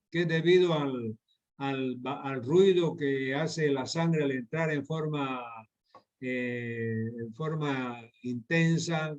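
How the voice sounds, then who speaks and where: A man's voice: a little high, a little mellow. Man lecturing on a dull lo-fi recording. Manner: repetitive, explanatory, addresses students directly. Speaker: medical lecturer.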